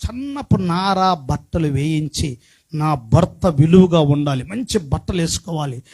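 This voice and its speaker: High-voiced male pastor preaching. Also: animated, moderate pace, slightly rough. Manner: swings from quiet talk to shouted preaching; asks the congregation questions. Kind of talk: sermon.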